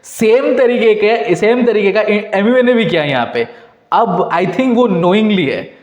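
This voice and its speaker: A man hosting a music reaction video, chatting excitedly, switching between Hindi and English and repeating lyrics back. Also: sits high, slow, highs cut off. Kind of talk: casual reaction commentary. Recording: echoey room. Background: faint music.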